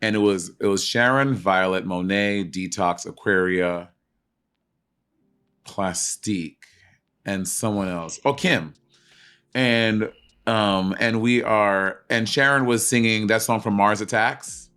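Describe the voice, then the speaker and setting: A man in casual chat, an animated storyteller who swears freely. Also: lowish voice, takes it slowly, smooth. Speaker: drag performer and co-host.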